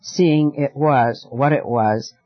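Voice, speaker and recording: A man's voice: medium pitch, slow, no echo. Man narrating a storybook, dry lo-fi. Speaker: audiobook narrator. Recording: dry, dull lo-fi recording.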